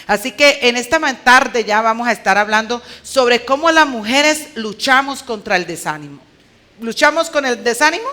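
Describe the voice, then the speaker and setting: Speaking at a women's conference, this woman has a Colombian Spanish accent and a fairly high, sharp voice that moves at normal speed with animated delivery. She preaches in a conversational way, clipped and emphatic, and puts rhetorical questions to her listeners.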